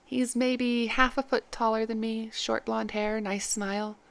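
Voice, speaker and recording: A woman's voice: fairly high pitch, fairly even intonation, a little slow, creaky. A woman reading the part of a frightened young runaway slave woman who blurts out her worries. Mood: anxious. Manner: anxious, blurting.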